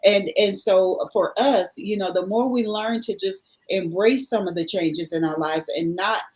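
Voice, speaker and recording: A woman's voice: medium pitch, unhurried, darkish tone, poor audio. A woman guest speaking earnestly in a reflective, motivational conversation, repeating favorite sayings for emphasis.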